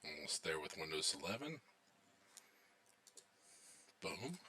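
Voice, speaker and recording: Low-voiced man narrating a tech demo. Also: slow. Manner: relaxed, thinking aloud while watching installs. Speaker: IT instructor. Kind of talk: screen-recorded tech tutorial narration.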